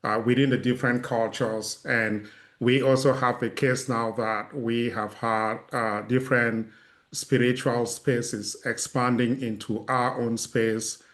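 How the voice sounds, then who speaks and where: A middle-aged man from Cameroon introducing himself as a panelist on a video call, measured and halting. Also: medium pitch, level tone, a bit bright. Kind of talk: casual self-introduction.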